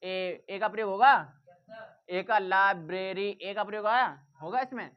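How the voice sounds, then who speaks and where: A woman's voice: medium pitch, a little slow. A woman teaching English grammar in a classroom-style lesson, repeating points and asking the class rhetorical questions. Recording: dull lo-fi recording.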